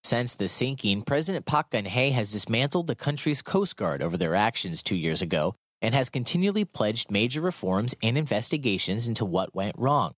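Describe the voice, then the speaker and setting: Lively-pitched, dry-voiced male news reporter. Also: dry recording. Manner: measured, formal delivery. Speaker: radio reporter. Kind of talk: scripted news narration.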